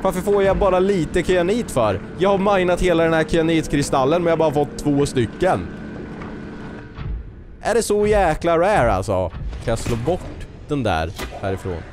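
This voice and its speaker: Jumpy, excitable man gaming. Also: a little high, hardly any pauses, music in the background. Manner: excitable and jumpy, sudden nervous outbursts and exclamations; talks to the game creatures, jokes and mutters to himself. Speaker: gaming video host. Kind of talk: let's play commentary.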